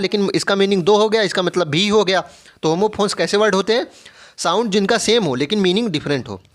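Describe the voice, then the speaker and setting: A young adult man with an Indian English accent and a high, slightly bright voice teaches an exam-prep lesson. He mixes Hindi and English, poses questions and answers them himself, and goes back over the key points.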